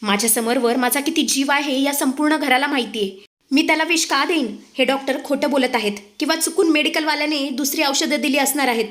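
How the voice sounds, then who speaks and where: A scheming aunt who acts innocent, speaking in an anxious, pleading way, voiced by a woman narrating a story. The voice sits a little high. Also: a little fast, a bit bright. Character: scheming middle-aged woman, feigning innocence.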